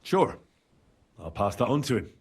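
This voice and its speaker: A man's voice: medium pitch, very animated, normal speed, a little mellow, slightly rough. A male actor playing a confident young medieval adventurer in a video game, courteous but secretive, speaking politely and with purpose. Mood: assured.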